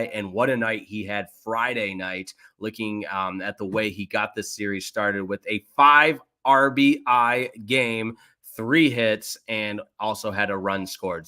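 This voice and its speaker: A young man hosting a solo sports podcast, recapping the weekend's games in an animated, self-deprecating way with quick asides. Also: on the low side.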